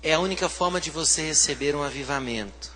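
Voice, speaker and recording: A man with a Brazilian Portuguese accent, a pastor preaching a sermon, swinging from hushed to loud, fervent delivery. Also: on the high side, quick pace, big-room sound.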